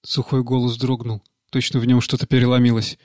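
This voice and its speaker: A male audiobook narrator reading a classic short story at a measured pace. His pitch stays flat and level throughout. The recording is dry, with no room sound. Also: dry recording.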